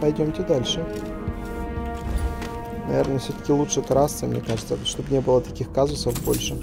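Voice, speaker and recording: A man's voice: medium pitch, fairly even intonation, a little fast, vocal fry. A man giving casual commentary as he plays a video game. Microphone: voice-over over game audio. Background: game music.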